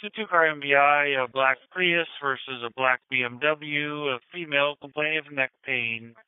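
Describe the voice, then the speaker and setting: A man's voice: on the high side, moderate pace, smooth, no echo. A man working as a fire and medical dispatcher, giving procedural, matter-of-fact calls over two-way radio. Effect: two-way radio transmission. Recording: tinny narrow-band scanner radio.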